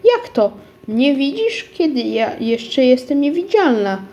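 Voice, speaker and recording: A woman's voice: expressive, moderate pace, dark tone, dull audio. A woman voicing a timid, curious young girl in a storybook reading. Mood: astonished. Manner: high, surprised and questioning.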